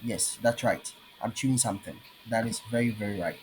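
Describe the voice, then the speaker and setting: A man with a Ghanaian accent teaching his language in an online lesson, patiently repeating words slowly. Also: fairly low pitch, a little hiss or hum.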